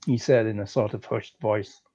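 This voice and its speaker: A man's voice: fairly low pitch, steady tone, moderate pace, mellow. A man reading a comic story aloud in a breezy, chatty first-person manner. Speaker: story reader. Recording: slightly dull lo-fi recording.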